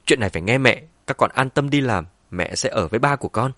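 Male narrator doing a two-faced scheming woman, ruthless, lively pitch, dry recording. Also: quick pace, no echo. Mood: insistent. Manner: shifts between cold menace and false wailing. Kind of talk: audiobook character voice.

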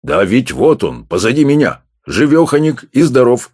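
A man reading an audiobook, voicing a gruff, domineering middle-aged professor who growls and mocks. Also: mid-range voice, big pitch swings, moderate pace, a little mellow, no room sound, clean studio sound, pitched above the performer's own voice. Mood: gruff mocking. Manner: growling, mocking.

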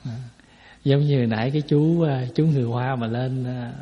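A man's voice: mid-range voice, fairly even intonation, moderate pace. A man, a Buddhist monk giving a folksy dharma talk to a hall, explaining with rhetorical questions. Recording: echoey hall, dull lo-fi sound.

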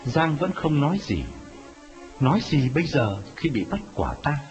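A man narrating a dramatic story in a scripted, expressive telling. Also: a little high, moderate pace. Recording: dull lo-fi audio with music. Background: music.

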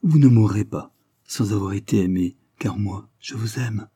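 A man's voice: fairly low pitch, normal speed, darkish tone, slightly rough, no room sound, clean studio sound. A man reading the part of a devoted young woman nurse, pleading and emphatic.

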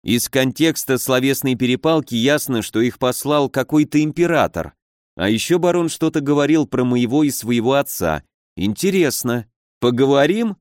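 A man's voice: mid-range voice, darkish tone, no room sound. Man narrating a fantasy audiobook, dry.

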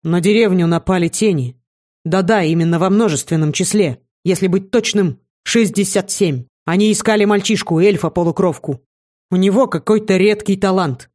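A blunt, stubborn young werewolf man, read by a woman narrating the book. He speaks in a flat, matter-of-fact way. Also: fairly low pitch, normal speed, lightly acted. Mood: calm. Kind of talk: audiobook character voice.

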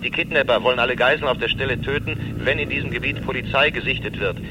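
A man's voice: medium pitch, fast talker. An actor playing a male police dispatcher, making a formal announcement heard over a police radio in a radio play. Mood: urgent, formal. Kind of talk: 1990s German radio play. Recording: distant noisy radio transmission.

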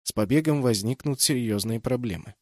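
A man's voice: medium pitch, fairly quick, darkish tone, dry recording, clean studio sound. A man reading scripted first-person fiction as an audiobook narrator.

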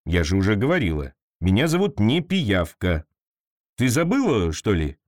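A gentle, naive swamp creature with a deep voice, as a man reading a storybook puts it on. It speaks slowly and wonderingly, the low tones set well under the narration. The sound is close and dry. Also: wildly swooping pitch, dry recording. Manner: slow, wondering, low-pitched.

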